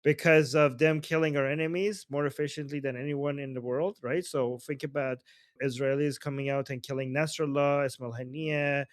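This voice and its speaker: A man from Iran hosts a live political discussion, arguing emphatically and peppering his points with rhetorical tag questions like "right?" and "okay?" His voice is on the high side with little pitch movement and normal speed, recorded with clean studio sound and no room echo.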